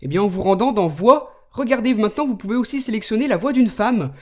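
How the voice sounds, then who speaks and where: Relaxed man demoing a phone. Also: high-pitched, a little fast. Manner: relaxed, explanatory, speaks commands to the phone. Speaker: tech video host. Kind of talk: screen demo tutorial.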